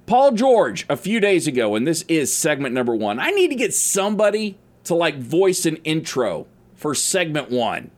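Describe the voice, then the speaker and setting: Casual man hosting a sports podcast, slightly high. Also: sing-song, moderate pace, hardly any pauses. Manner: casual, rambling, admits stumbling over words. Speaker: podcast host. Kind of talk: solo sports podcast talk.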